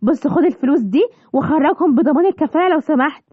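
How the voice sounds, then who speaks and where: A woman with an Egyptian accent voicing a gentle mother lioness, coaxing and motherly. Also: sits high, expressive, fast. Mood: pleading. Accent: Egyptian Arabic. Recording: dull lo-fi, clear background noise.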